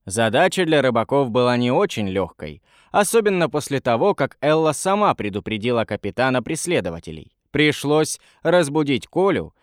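A man narrating a fantasy audiobook in an even storytelling manner. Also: medium pitch, moderate pace, few pauses, dry recording, clean studio sound.

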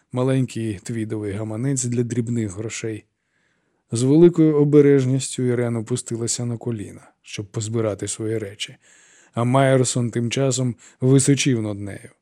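A male narrator reads a novel aloud in a measured, even voice. His tone is mellow and dark. The sound is dry and close to the mic. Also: mid-range voice, no echo. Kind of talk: audiobook narration.

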